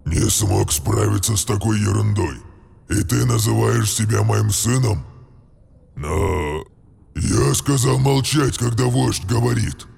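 A man's voice: on the low side, takes it slowly, a little mellow, big-room sound, heavily acted. A man voicing a brutal old orc chieftain who barks orders in a growling voice. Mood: menacing. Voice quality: gravelly, growling.

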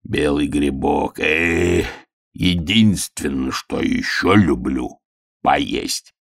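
Storybook wolf, male, greedy and sly, slow gloating drawl, gravelly low voice, put on by a male reader. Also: no echo, studio quality, heavily acted.

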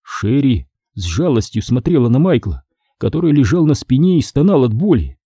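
A man's voice: medium pitch, very animated, normal speed, dark tone, slightly rough, no room sound, clean studio sound. A man narrating a horror audiobook in a suspenseful, scripted way.

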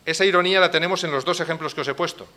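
A man with a Spain Spanish accent preaching a sermon as pastor, dramatic and swinging between hushed lines and loud outbursts. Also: fairly high pitch, very fast.

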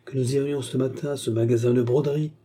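A man voicing a gentle, affectionate young woman who is firm about what she wants, in an audiobook. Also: medium pitch, fairly even intonation, fast talker, lightly acted. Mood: matter-of-fact. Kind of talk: audiobook character voice.

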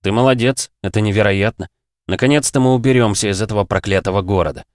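A man voicing a steady, protective young man. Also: fairly low pitch, quick pace, no echo, clean studio sound, lightly acted.

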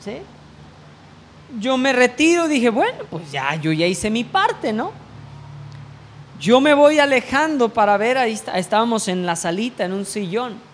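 A man with a very high-pitched voice and big pitch swings preaches slowly and deliberately, with slight background noise. He shares a personal testimony and asks the congregation rhetorical questions.

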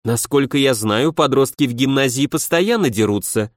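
A man's voice: medium pitch, expressive, moderate pace, dry recording, lightly acted. A man narrating a story and voicing a stern young princess who holds court, speaking in a curt, commanding way.

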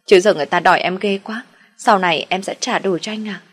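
A woman voicing a desperate young woman in debt, pleading tearfully in a raised, shrill voice. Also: fast talker, breathy edge, natural voice.

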